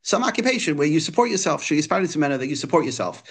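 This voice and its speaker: A man's voice: on the high side, very animated, racing, slightly rough. A man gives an informal religious lesson, reading a text and explaining it, often hesitating and repeating phrases. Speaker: religious teacher.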